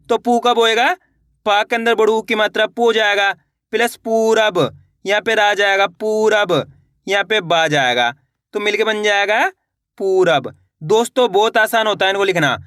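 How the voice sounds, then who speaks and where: Bright, high-voiced teacher man. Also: clean tone, no echo, clean studio sound. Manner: slow, repetitive, quizzing the viewer; stretches out each word syllable by syllable. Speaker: Hindi reading teacher. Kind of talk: step-by-step spelling lesson.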